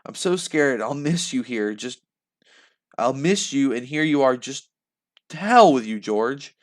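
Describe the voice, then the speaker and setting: A man voicing a crying eleven-year-old girl, with a high strained fake-sobbing voice. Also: lively intonation, a little slow, natural voice. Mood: tearful.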